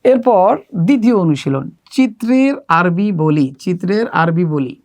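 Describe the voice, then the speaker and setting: A woman with a Bangladeshi accent walks children through Arabic letters one at a time. Her voice sits a little low, and she draws out and repeats each sound so learners can copy it. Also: sing-song, a little mellow. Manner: slow, drawn-out pronunciation drills, repeating letters. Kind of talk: step-by-step lesson.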